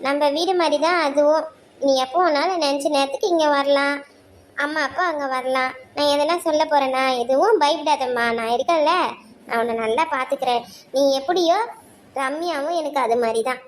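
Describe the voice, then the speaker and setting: A woman doing a motherly cartoon mother-in-law, high voice, coaxing. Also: moderate pace, a little hiss or hum, natural voice. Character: kindly middle-aged village mother-in-law.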